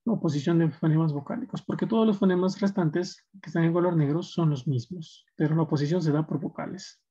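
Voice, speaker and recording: Guy teaching a class, dark husky voice, keeps asking "right?", dull muffled recording. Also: on the high side, brisk. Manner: explanatory, checks in with tag questions. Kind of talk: recorded slide lecture.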